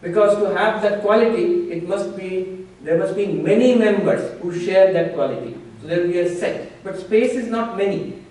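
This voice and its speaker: Monk lecturing from far in an echoey hall. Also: male voice, high-pitched, normal speed, darkish tone. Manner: explains patiently, acting out an opponent's objections. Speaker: monk teaching a retreat. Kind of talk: lecture on scripture. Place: retreat hall.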